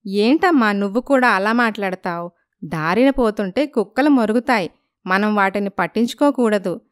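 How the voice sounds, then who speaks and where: A woman voicing a proud young village woman in an animated storybook, speaking with firm indignation. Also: mid-range voice, normal speed, close to an everyday voice. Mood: indignant.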